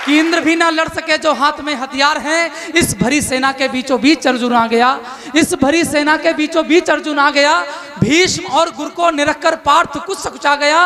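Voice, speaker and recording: Male stage poet, very high ringing voice, emphatic declaimed devotional verse, live mic with faint crowd behind. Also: sharp tone. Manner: declamatory, repeats couplets for emphasis. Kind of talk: Hindi devotional poetry recital at a poets' gathering. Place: poets' gathering before an audience.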